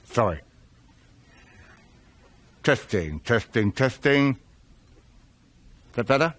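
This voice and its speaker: Gruff accomplice, muffled as if through a wall. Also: male voice, medium pitch, very animated, slow pace, a bit bright, full character voice. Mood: steady. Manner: terse, clipped replies. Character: gruff male accomplice on the radio. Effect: muffled voice over an earpiece mic, as if through a wall. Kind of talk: video game cutscene dialogue.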